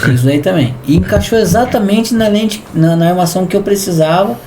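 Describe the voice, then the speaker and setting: A Brazilian man speaking Brazilian Portuguese, telling a faith story as a podcast guest. His voice sits a bit high but sounds dark and mellow. He acts out the dialogue lively, with faint background noise. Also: fairly quick. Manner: lively storyteller, often addresses the host as "irmão", acts out dialogue. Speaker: podcast guest, business founder. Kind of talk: animated testimony storytelling.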